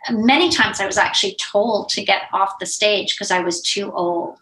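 A middle-aged woman, a brand founder, tells stories as a guest in a casual interview. She is animated and chatty, full of fillers and little asides, at an ordinary middle pitch. Her voice carries a roomy echo. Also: moderate pace, a crowd in the background. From United States.

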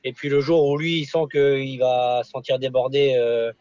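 Young male racing driver, radio guest, hesitant with lots of pauses, dry and dull sound. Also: medium pitch, steady tone, darkish tone, no room sound. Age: young adult. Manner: hesitant, many fillers and restarts. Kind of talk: radio interview.

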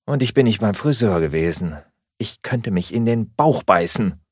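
A man voicing a flustered young woman hurriedly packing for a trip, talking fast and pleading. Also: on the low side, expressive, a little mellow, breathy edge, no room sound, clean studio sound.

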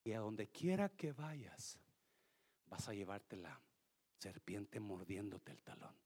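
A male pastor preaching a fervent sermon, often shouting and mixing English phrases into his speech. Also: fairly low pitch, sing-song, takes it slowly, breathy edge.

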